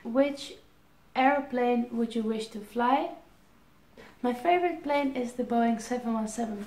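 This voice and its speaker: A twenty-something woman from the Netherlands, who vlogs as an airline pilot, casually answers viewer questions she reads aloud, stumbling with ums and restarts. Her voice is a little high and slightly mellow, and the room sound is noticeable.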